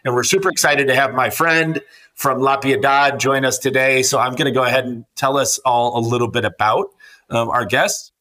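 A man's voice: mid-range voice, fairly even intonation, normal speed, sharp tone. A man hosting a podcast, chatting casually in an upbeat, teasing way and reading out a guest's biography. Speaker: podcast host.

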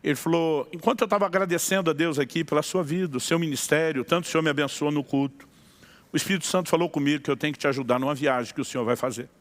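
A middle-aged man preaching as a pastor, telling a story with lively acted-out dialogue and frequent laughter. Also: on the high side, rapid-fire. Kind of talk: sermon storytelling.

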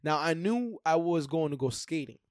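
A man's voice: a little high, expressive, moderate pace, dry recording, studio quality. A young man chatting casually like a frat bro, slangy and profane, often repeating himself as he goes. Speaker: podcast co-host. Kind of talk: casual chat.

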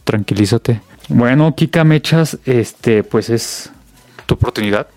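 A man's voice: mid-range voice, a little slow, darkish tone, no echo. Mexican man hosting a casual news chat. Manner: chatty, many fillers and restarts. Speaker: host.

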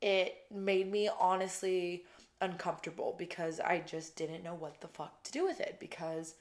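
Fresh off a weekend wedding, a raspy woman in her twenties talks casually on her solo podcast, swearing plenty and saying "like" all the time. Her voice is lowish and moves at a moderate pace. She is recorded close on a podcast microphone.

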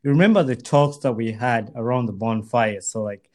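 A man with an average-pitched voice speaks in a casual, heartfelt conversation. He sounds earnest, often repeating a phrase as he works toward his point. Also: moderate pace. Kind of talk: casual heartfelt chat between friends.

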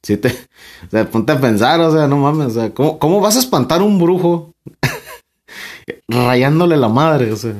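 A man's voice: a little high, big pitch swings, measured pace, long pauses, darkish tone. A Mexican man spinning a casual personal anecdote, his talk full of fillers, repeated words and easy laughter. He swears freely and circles back on his own sentences as he tells it. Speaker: storyteller.

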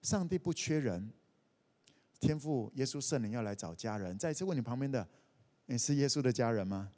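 A man preaching a sermon as a pastor, animated, acting out the voices in his stories and often dropping "OK". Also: mid-range voice, fairly quick. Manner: animated, acts out quoted voices, frequent "OK". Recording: long reverb of a hall.

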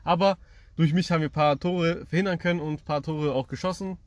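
Talking quickly in a fairly high voice, a young podcast co-host spins an animated story in slangy speech. He performs the voices of the characters as he goes.

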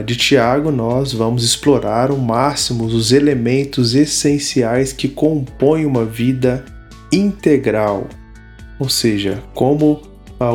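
Man teaching a Bible series. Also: medium pitch. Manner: explanatory, frequent fillers and restarts.

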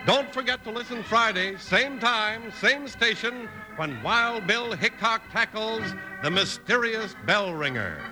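An old-time radio announcer, an American man with a high, swooping voice. He reads in a polished, emphatic manner over organ music on a vintage broadcast recording. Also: animated, unhurried, hardly any pauses, poor audio. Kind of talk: old-time radio announcer reading credits and sponsor message.

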